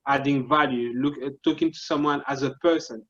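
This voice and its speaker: Medium in pitch and fairly even in intonation, this man talks fairly quickly with a fairly bright tone, though the audio is dull. A Congolese French-accented marketing consultant, he's an interview guest explaining his ideas earnestly step by step, often restarting sentences, in a casual, explanatory manner.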